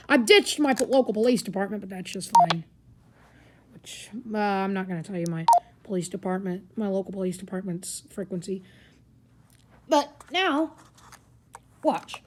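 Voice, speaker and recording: This is a woman's medium-pitched voice, with a bit of hiss or hum on the recording. She is a gadget reviewer giving an informal, rambling hands-on demonstration indoors in a carpeted living room, off screen, filmed on a handheld camera or phone.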